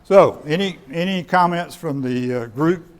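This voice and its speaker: Speaking slightly slowly in a somewhat high, clean-sounding voice, a man walks a club meeting through radio kits in an indoor room. It's an informal talk with questions from the audience, and he often repeats words as he explains.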